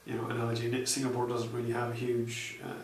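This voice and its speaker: In an echoey room with a distant microphone and a bit of faint noise, a male software researcher responds to interview questions. His mid-range voice is completely flat and his pace quick, and his answers are hesitant and chatty, with many fillers and restarts.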